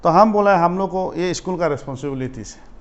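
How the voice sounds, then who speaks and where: Male student activist guest from Arunachal Pradesh, slightly high voice, gets animated in his stories, dull lo-fi recording. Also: fairly quick. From Arunachal Pradesh, India. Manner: animated, rises sharply when retelling confrontations. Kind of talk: casual interview storytelling.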